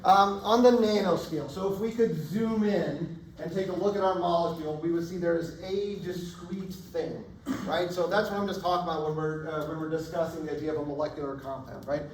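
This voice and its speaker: Brisk and relaxed, a male chemistry teacher keeps his class engaged by asking "right?" again and again. His rather high voice is going hoarse, and he's recorded far from the mic in an echoey lecture hall with faint background noise.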